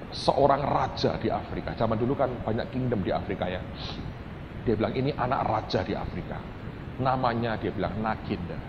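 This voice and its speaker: An animated man preaching a sermon and telling a personal story, calling out to his congregation as he goes. His voice rings through a large hall, the sound a little dull, with steady noise behind it. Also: lowish voice. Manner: animated, addresses listeners as "saudara", grows loud and excited while retelling. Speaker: pastor.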